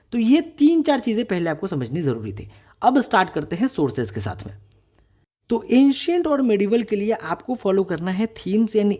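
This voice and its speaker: A man's voice: high voice, darkish tone. A man teaching exam preparation in a YouTube lecture, speaking emphatically, firing off rhetorical questions and mixing in English phrases.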